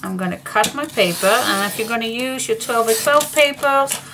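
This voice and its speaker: A woman's voice: a little high, normal speed, background noise. A Dutch woman teaching a crafting tutorial in a chatty, giggly way, often correcting herself. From Netherlands.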